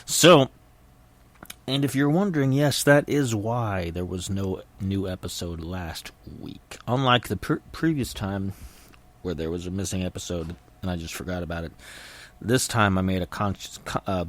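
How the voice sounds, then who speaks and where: Low-voiced man talking through clenched teeth. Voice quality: muffled speech through clenched teeth, jaw held nearly shut. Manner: halting and hesitant, repeating words. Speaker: podcast host. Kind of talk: rambling casual solo talk.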